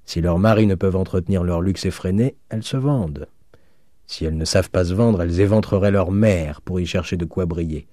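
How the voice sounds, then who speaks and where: A mocking, worldly cynic, given voice by a male reader, low and dark in tone. He speaks with sardonic assurance, knowing better than everyone at the table. Dry, close audiobook sound. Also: brisk, no room sound, natural voice. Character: cynical worldly middle-aged man, mocking. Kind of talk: audiobook reading.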